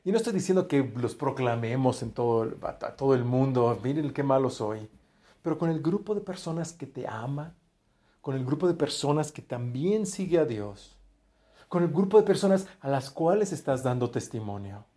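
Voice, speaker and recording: A man preaching with a warm, mellow voice. His delivery is conversational, with restarts and phrase endings that drop to near quiet. The pitch sits at an ordinary middle height for a man. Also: lively intonation, moderate pace. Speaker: pastor. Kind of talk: sermon.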